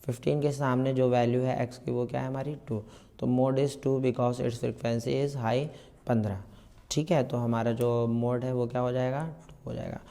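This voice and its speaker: A man with a mellow, medium-pitched voice and vocal fry walks through a math lesson step by step. He explains slowly, repeats steps, works in terms, and poses questions only to answer them himself.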